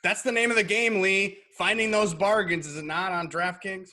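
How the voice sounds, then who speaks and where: A man's voice: high-pitched, fairly even intonation, moderate pace, bright, forceful tone. A man hosting a podcast from his home garage, chatting in an upbeat, jokey way over a video call. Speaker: podcast host. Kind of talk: casual interview chat.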